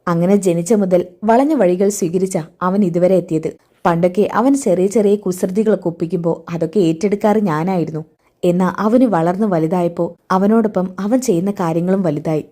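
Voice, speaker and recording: A woman reading the part of a calm, caring young man who soothes a pregnant relative. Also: fairly low pitch, moderate pace, natural voice. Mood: reassuring. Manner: soothing, reassuring, turns flustered when hiding things.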